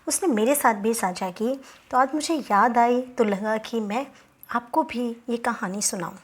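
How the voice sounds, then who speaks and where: A woman narrating a moral story in a relaxed, conversational way, with small asides to the listener. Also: fairly high pitch, husky.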